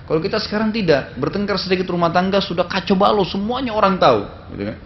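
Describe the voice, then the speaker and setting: A man's voice: high voice, expressive, quick pace, highs cut off, a little hiss or hum. A man giving a religious sermon, telling stories in a loose conversational way and often tagging his sentences with small fillers. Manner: conversational storytelling with frequent tag fillers. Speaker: Islamic preacher. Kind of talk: sermon lecture.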